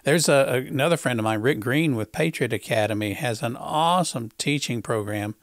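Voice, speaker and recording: A male talk show host, interviewing in a halting way, repeating words and filling pauses with uh. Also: medium pitch, no echo, clean studio sound. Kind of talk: conversational political interview.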